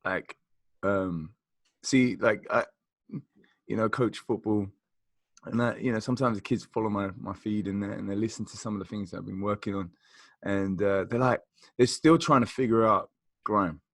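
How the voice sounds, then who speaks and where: A man in his 40s from South Croydon, London, England, co-hosts a podcast and chats casually about music. He rambles enthusiastically, peppering his talk with "you know," using a lowish voice at normal speed with long pauses, on a dry recording.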